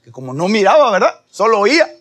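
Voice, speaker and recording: A man preaching a sermon, calling his listeners brother and swinging from hushed near-whispers to loud, impassioned shouting. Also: high voice, very animated, fast talker. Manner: calls the listeners "hermano", acts out voices in the story.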